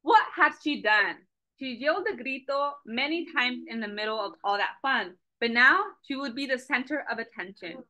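A young woman with a high-pitched voice reads a picture book aloud to children over a video call webcam at a moderate pace, in a low-quality recording. As a storytime reader, she's animated and lively, asking the children questions and switching between English and Spanish, in a small office with a Mexico flag poster.

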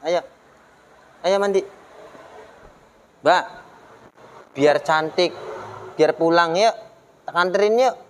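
A man, his voice pitched fairly high, talks into a handheld phone outdoors near a street. He coaxes and cajoles with short commands repeated again and again. A faint hum of street noise sits behind him. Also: takes it slowly, long pauses, poor audio. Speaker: vlogger. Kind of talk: casual handheld vlog narration.

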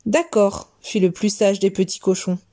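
A woman reading a children's story aloud, gentle and expressive. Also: medium pitch, moderate pace.

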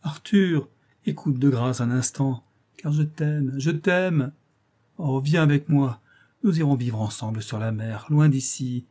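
Male reader doing a lovesick young peasant girl for a storybook, impassioned pleading, raised pitch, husky edge. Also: measured pace, warm tone, close to an everyday voice. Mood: desperate pleading.

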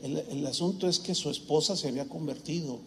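A man with a Mexican accent, a pastor preaching a sermon in church, telling a personal story in an animated way with humorous asides. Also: fairly high pitch, quick pace.

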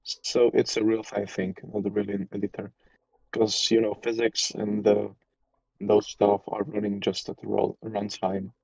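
A low-voiced man explains his tool over a weak-connection call. His delivery is hesitant, with fillers and restarts. The gravelly voice sounds dull and lo-fi, dry and close to the mic. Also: completely flat delivery, measured pace, darkish tone, no room sound. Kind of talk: casual technical explanation on a call.

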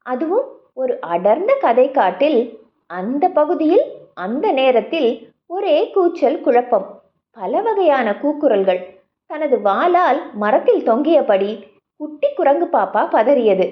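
A woman narrating a children's audiobook in an expressive storytelling manner, speaking straight to young listeners. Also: high voice, unhurried, lo-fi sound. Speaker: audiobook reader.

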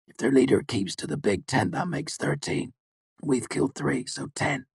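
A man voicing a nervous male mercenary archer in an audiobook, speaking high, strained and hushed. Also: lively intonation, moderate pace, vocal fry, breathy edge, no room sound, clean studio sound, exaggerated voice. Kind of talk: audiobook character voice.

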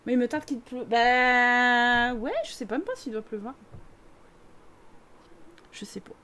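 Young parisian woman on a live stream, high voice, teasing chatter with viewers. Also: a little slow, sharp tone. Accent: Parisian French. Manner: chatty, teasing, reads chat aloud. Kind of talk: casual live-stream chat over gameplay.

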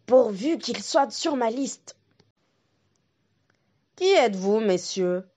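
A woman's voice: a little high, lively intonation, slow pace, dark tone, dull audio. A woman voicing a hungry but sentimental male wolf who muses and grumbles to himself. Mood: musing.

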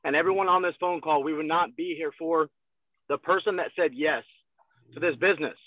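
Energetic young man on a video call. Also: on the high side, fairly quick, no room sound. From Texas. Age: 20s. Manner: energetic, gestures a lot, repeats phrases. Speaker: guest salesman. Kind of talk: motivational sales talk. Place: in a parked car. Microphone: phone on a video call. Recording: thin phone-like video call audio.

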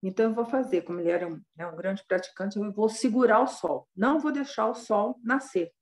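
A compassionate male ascetic speaks in a patient, explanatory way, as a woman puts him on. His voice sits somewhat above her normal pitch, and he keeps pleading his case. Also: a little fast, reverberant, lightly acted. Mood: reasoning, compassionate.

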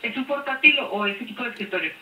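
A technical support agent, female, handles a formal customer service call, courteous and proper throughout. She talks quickly in a slightly high voice, heard over a far-off, echoing, noisy phone connection.

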